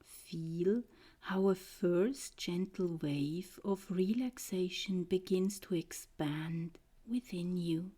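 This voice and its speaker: A woman guiding a trance meditation in a soothing, mesmerizing way, with short gentle phrases and a soft, breathy voice that often nears a whisper. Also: lowish voice, slow. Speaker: guided meditation narrator.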